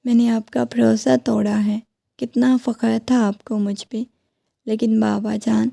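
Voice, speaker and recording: A woman voicing a heartbroken, tearful young wife who pleads softly, in a creaky voice. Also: on the high side, level tone, no echo, studio quality.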